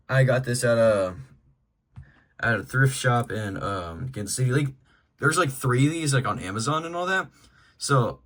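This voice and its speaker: This collector's medium-pitched voice has a slight brightness as he gives a loose, rambling show-and-tell of his weather radios. He keeps it informal and opinionated throughout.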